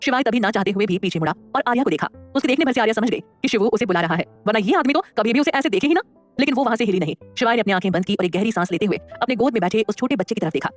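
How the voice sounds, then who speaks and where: Fast-talking woman narrating a story. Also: medium pitch, faint music behind. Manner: lively, voices the characters. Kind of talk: dramatic audio story narration.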